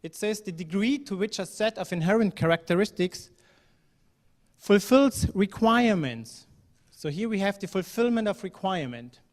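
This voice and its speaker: In a reverberant hall, a German man gives a conference talk at normal speed, his high-pitched voice expressive. He sounds conversational, relying on fillers and occasionally using phrasing that sounds non-native.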